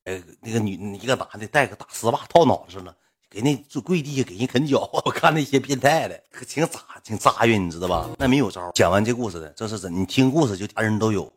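A man's voice: lowish voice, animated, fast talker, breathy edge. A young man with a Northeastern Chinese accent, a livestreamer telling a story in a rambling, coarse, blunt way. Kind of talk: casual storytelling.

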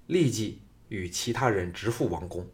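A man narrating a martial arts novel as an audiobook in a steady, measured storytelling voice. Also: on the low side.

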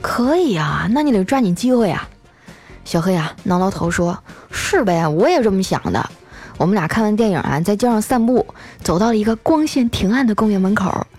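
A woman hosting a show of funny stories, chatty, tacking a drawn-out filler onto her phrases. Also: mid-range voice, expressive, a little mellow, slightly rough, faint music behind. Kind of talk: comic storytelling.

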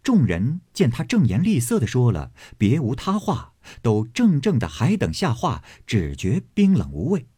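A man narrating a classic novel as an audiobook, in a measured, expressive storytelling manner. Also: mid-range voice, breathy edge, no room sound, studio quality.

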